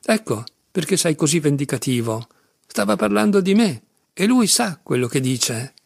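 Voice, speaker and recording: A man's voice: on the high side, big pitch swings, normal speed, gravelly, dry recording, clean studio sound, full character voice. A man reading an audiobook, voicing a tormented young man who speaks insistently and with agitation. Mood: agitated.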